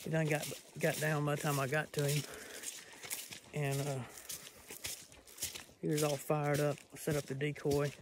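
Rambling man vlogging outdoors, flat voice. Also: a little high, a little slow, background noise. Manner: rambling, folksy, with many fillers and restarts. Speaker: hunting vlogger. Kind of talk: casual self-filmed vlog talk. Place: outdoors on rural land. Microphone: self-filmed camera.

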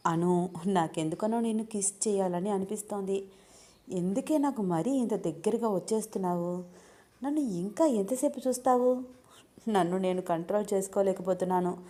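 A woman's voice: mid-range voice, normal speed, dark tone, natural voice. A woman reading a story, voicing a young man who teases the woman he is falling for. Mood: flustered. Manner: playful, teasing questions. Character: young man, teasing, smitten office boss.

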